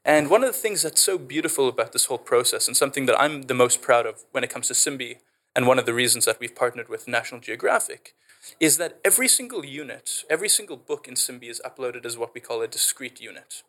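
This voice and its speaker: A man's voice: mid-range voice, expressive, fast, a bit bright. A man with a Canadian South African accent, an edtech founder explaining his work in a podcast interview with eager, fluent enthusiasm.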